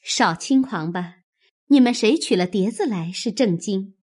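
A woman voicing a steady, motherly senior maid who gives calm instructions. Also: mid-range voice, measured pace. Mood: composed.

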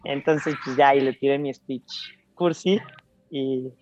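A young woman with a Mexican accent telling a story in casual chat, slangy and animated, acting out bits of dialogue. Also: rumbling low, unhurried, dull audio, a little hiss or hum.

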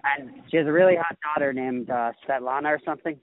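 A man chatting casually as a podcast co-host, rambling and halting with many fillers, walking outdoors in a busy city area. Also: on the high side, a crowd in the background. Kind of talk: casual chat. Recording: tinny phone line with faint noise.

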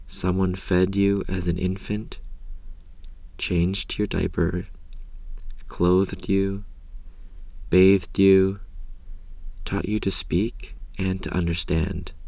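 This slow guided meditation is led by a man whose voice is very low and soft. The pacing is calm and unhurried, with long gaps, and each phrase fades gently into a gravelly creak, recorded without echo.

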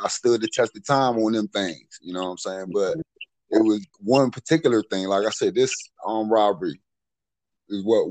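A man's voice: fairly low pitch, no echo, rough recording. A middle-aged man telling street stories in a casual, profane way, full of "you know what I'm saying.". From Maryland, USA. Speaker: podcast storyteller.

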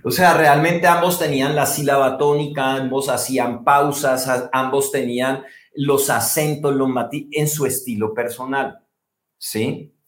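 This speaking coach, a man with a mid-range voice, fairly even intonation and a measured pace, appears as an interview guest. He explains technique in an animated, expressive way, stressing words to demonstrate, and the recording has a roomy echo.

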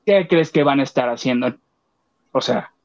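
A man's voice: medium pitch, moderate pace, dull audio. A man with a Mexican accent chatting on a radio show, telling a story animatedly and acting out the voices of the people in it. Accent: Mexican Spanish. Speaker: co-host. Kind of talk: casual chat, retelling a theater outing.

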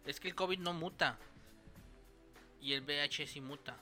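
A man's voice: a little high, normal speed, sharp tone, faint music behind. A man with a Mexican Spanish accent and Chicano-style slang, chatting casually and crudely as a joking podcast co-host. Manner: crude, irreverent banter.

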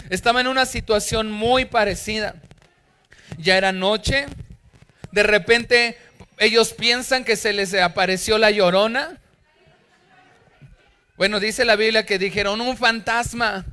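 A man's voice: sits high, fairly even intonation, unhurried, pauses often, sharp tone, smooth. A middle-aged man with a Mexican Spanish accent, preaching a sermon through humorous anecdotes and acting out characters. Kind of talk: storytelling sermon.

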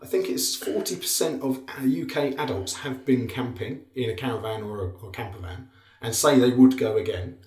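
Essex bloke chatting on a podcast, kinda dry and jokey, echoey room. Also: male voice, mid-range voice, moderate pace, darkish tone. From Essex, England. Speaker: podcast co-host. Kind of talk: casual podcast chat. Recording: roomy, echoey sound.

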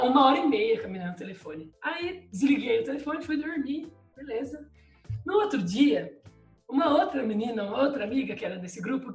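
A man casually telling a story among friends, acting out the quoted dialogue in an animated way. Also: very high-pitched, distant mic. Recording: roomy, a bit off-mic.

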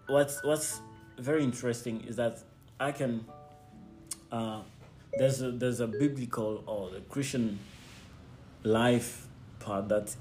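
Music plays in the background of this casual interview at a neighbourhood house, where a young Congolese guest from a missionary team talks in English, his second language after Swahili. His mid-range voice is soft and halting, and he keeps restarting his sentences and laughing.

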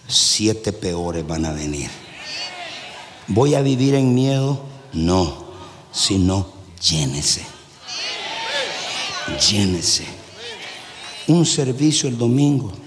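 A man preaching a fervent sermon, often shouting, then dropping low and quiet. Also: slight background noise. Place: large church hall. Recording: echoey hall with music behind.

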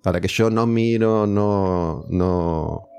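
A man's voice: sits low, slow, creaky, a little mellow, clean tone. A man with a Rioplatense Spanish accent giving blunt, sardonic opinions in a casual conversation. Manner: opinionated, sardonic, acts out other people's voices.

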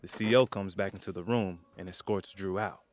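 A man narrating an audio drama in a plain, even storytelling manner. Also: deep voice, a little fast.

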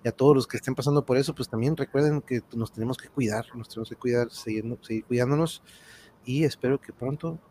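A fast-talking man with a warm, medium-pitched voice and a northern Mexican accent closes out his online livestream show with a casual chat, peppering it with English phrases. There's clear background noise in the recording.

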